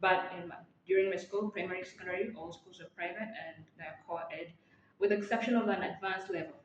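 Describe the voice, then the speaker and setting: A woman from Tanzania answers interview questions in a fairly low voice, pausing often and restarting her phrases. The audio is echoey and a little dull, with faint noise behind her. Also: steady tone. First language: Maa. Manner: hesitant, many fillers and restarts.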